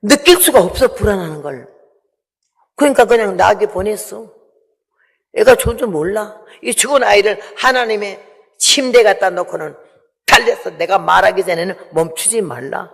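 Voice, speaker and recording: An eighty-something woman missionary shares an emotional testimony sermon, dramatizing the dialogue as she goes. Her mid-pitched voice is creaky and husky at a moderate pace, carried by the lengthy reverb of a large hall.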